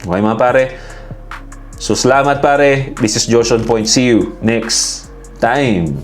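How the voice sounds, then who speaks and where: A man from the Philippines giving casual, animated commentary to his viewers, who he calls "pare" and "bro". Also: mid-range voice, slow pace, over music. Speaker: vlogger.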